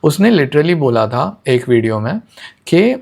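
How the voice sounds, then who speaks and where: A young man on YouTube explaining a finance book to students in relaxed, conversational Hindi mixed with English, leaning on everyday examples. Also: on the high side, unhurried, creaky. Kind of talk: casual explanatory talk to students.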